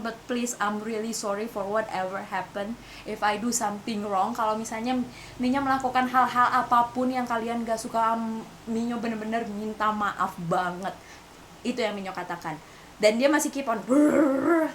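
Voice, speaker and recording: A young woman from Indonesia telling a personal story to camera, casually mixing in English phrases. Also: fairly high pitch. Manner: mixes in English phrases, refers to herself by name, animated retelling. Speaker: vlogger. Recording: faint hiss.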